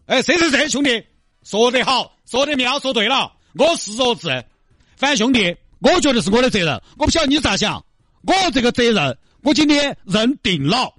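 A man's voice: very high voice, sing-song, moderate pace, fairly bright tone, dry recording, heavily acted. A man playing a pushy, chummy wealthy driver who insists on taking the blame and keeps calling the other man brother. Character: brash wealthy male Audi driver, pushy and generous. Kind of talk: comedy skit.

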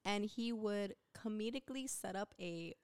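A woman in her twenties co-hosting a casual podcast, chatty and teasing, quick to laugh. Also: mid-range voice, clear, resonant tone. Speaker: podcast co-host. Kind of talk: casual chat.

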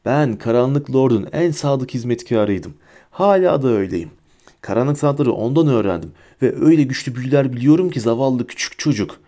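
A man's voice: expressive, fairly quick, mellow, natural voice. A man reading a story aloud, voicing a cruel, fanatical female witch who taunts and shrieks. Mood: taunting. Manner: taunting, mocking, high and shrill.

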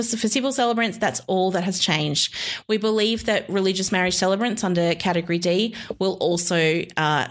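A woman's voice: lowish voice, fairly bright tone. Chatty Australian woman explaining. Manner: chatty, laughs easily, restarts often. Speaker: marriage celebrant podcast co-host. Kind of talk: casual explanatory chat.

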